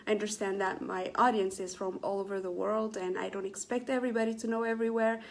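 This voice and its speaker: A woman's voice: medium pitch, steady tone, quick pace, a little hiss or hum. A middle-aged woman from Ethiopia hosting a casual live stream, talking earnestly to viewers with many fillers and restarts. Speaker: Facebook Live motivational host.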